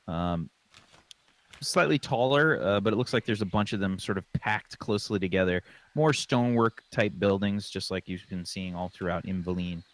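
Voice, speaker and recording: A man's voice: low-pitched, normal speed. A man narrating as game master of a tabletop game, loose and rambling with lots of fillers.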